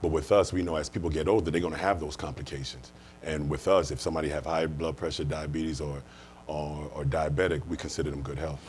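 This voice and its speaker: This American-born life insurance manager, a guest in an interview, explains things earnestly and conversationally, restating his points along the way. His voice rumbles low and stays steady, a little mellow, and he talks fast. There's slight background noise.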